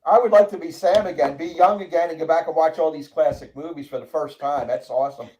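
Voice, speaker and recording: An older man with a mellow, slightly raised voice chats casually about favorite films. He is eager and opinionated. He drops quick verdicts on each one. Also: on the high side, rough recording. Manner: enthusiastic, opinionated movie talk. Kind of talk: casual chat.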